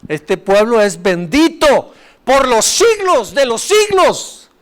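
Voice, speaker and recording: A preacher voicing a stern God. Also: male voice, very high voice, sing-song, fairly bright tone, pitched above the performer's own voice, heavily acted. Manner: slow, emphatic and firm.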